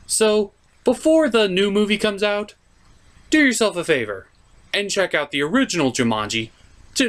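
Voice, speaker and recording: The host of a puppet movie review show gives a comedic, scripted movie recap, theatrical and sarcastic with some mild swearing. His voice is fairly high and fairly bright.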